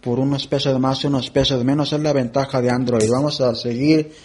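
A man presenting a relaxed tutorial, explaining app settings step by step and thinking aloud as he goes. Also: mid-range voice, moderate pace, heavy background noise. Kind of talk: screen-reader app walkthrough.

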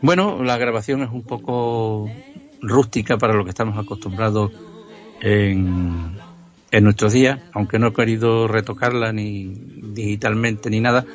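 A man's voice: fairly low pitch, steady tone, moderate pace, soft background music. A man from Extremadura with a Spanish accent, explaining the history behind old songs in casual radio conversation, enthusiastic and explanatory. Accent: Spanish from Spain. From Extremadura, Spain. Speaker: music history contributor. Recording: dull lo-fi sound.

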